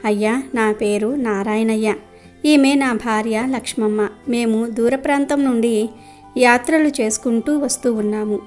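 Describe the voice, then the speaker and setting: A gentle elderly pilgrim asks politely for food, voiced by a woman narrator. The voice is fairly high and soft-spoken, with light music behind the storybook reading. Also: measured pace, close to an everyday voice. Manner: polite, humble.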